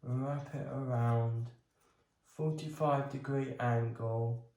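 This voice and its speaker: Slow, hesitant man in an echoey room. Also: mid-range voice, fairly even intonation, darkish tone. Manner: hesitant, many ums, talks himself through each step. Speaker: crafting vlogger. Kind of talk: casual talk while working on a bonsai. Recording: roomy echo.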